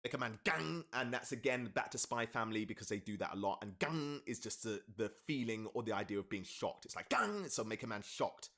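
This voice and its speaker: A man's voice: fairly low pitch, lively intonation, fairly quick, few pauses, pushed and bright. A rapper and streamer on a live stream with a webcam, eagerly walking through his own lyrics, counting syllables aloud and thanking viewers in chat. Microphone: streaming setup with webcam.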